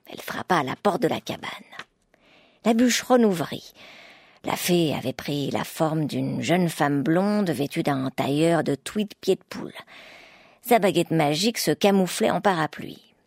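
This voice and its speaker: Low-voiced woman reading a fairy tale. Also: lively intonation, measured pace, darkish tone, no echo, clean studio sound. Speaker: narrator. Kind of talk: storybook narration.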